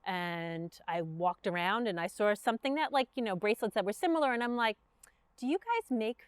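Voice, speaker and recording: A woman's voice: medium pitch, brisk, clear, resonant tone, no echo. A woman with a Brooklyn accent, guest on an interview, telling her business story in earnest, chatty talk full of fillers. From Brooklyn, New York. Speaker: guest entrepreneur. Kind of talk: casual interview chat.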